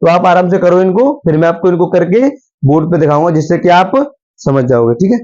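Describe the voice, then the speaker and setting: In dull lo-fi audio, a young man gives a math lesson at a board, speaking fairly quickly in a high, darkish voice. He stays patient, repeating steps and putting questions to the class.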